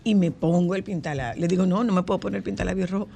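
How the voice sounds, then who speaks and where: A woman's voice: on the low side, quick pace, gravelly, dark tone, a little hiss or hum. An older woman, co-hosting a radio talk show, emphatic and repeating words for stress. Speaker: co-host.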